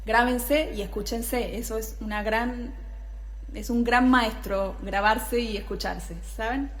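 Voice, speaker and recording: Brief: young female flute teacher, fairly high voice, patient and explanatory, frequent check-ins. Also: fairly even intonation, slow. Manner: scat-sings rhythms between phrases. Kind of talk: music tutorial.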